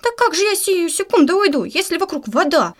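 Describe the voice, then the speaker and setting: A woman's voice: very high-pitched, animated, a little fast, voice pushed up. A woman voicing an eager young boy in a storybook who keeps pestering with wheedling, insistent requests. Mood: whiny.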